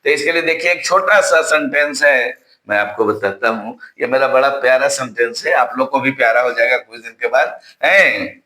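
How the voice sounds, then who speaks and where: Bright-voiced Indian male teacher drilling students. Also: medium pitch, roomy sound. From Bihar, India. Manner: addresses students as children, repeats drill phrases slowly. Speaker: English teacher. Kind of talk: spoken English lesson to students.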